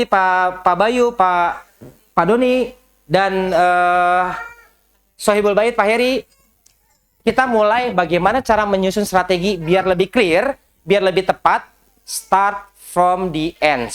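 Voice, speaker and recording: A man's voice: high voice, clean tone. A man giving a motivational business coaching talk to a group indoors, speaking straight to them with rhetorical questions and slipping English business phrases into his talk. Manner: lively, talks straight to the audience with rhetorical questions. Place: indoor session in a house.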